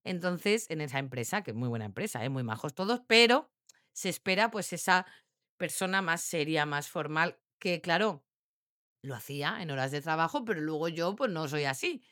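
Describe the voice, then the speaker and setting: A woman, a dog trainer explaining her methods in a casual, animated and jokey way. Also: low voice, normal speed, no echo, clean studio sound. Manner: animated and jokey, mimics barked commands.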